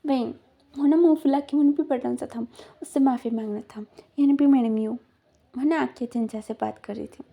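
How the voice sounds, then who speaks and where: A woman's voice: sits high, husky, dull audio. A woman casually retelling a story, rambling, with many repeated fillers.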